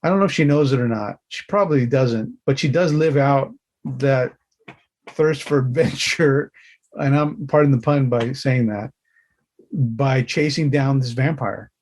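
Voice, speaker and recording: A man's voice: medium pitch, a little slow, darkish tone. A middle-aged man from Los Angeles, a concept artist guest in a casual interview, animatedly retelling a story and voicing his character's thoughts. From Los Angeles, USA.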